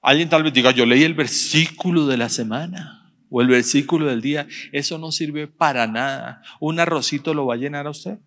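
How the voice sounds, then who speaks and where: Guy preaching, higher pitched, talks straight at the church folks, slows way down to hit the point. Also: a bit bright. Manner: direct, addresses the congregation, rising emphasis and slow stressed phrases. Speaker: pastor. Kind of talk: sermon.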